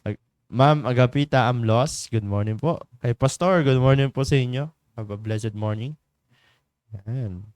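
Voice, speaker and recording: A man hosting a morning church devotion livestream in a studio, chatty, laughing often and filling pauses. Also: medium pitch, darkish tone, smooth, no room sound. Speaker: devotion leader and livestream host. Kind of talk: casual livestream greetings and devotional talk.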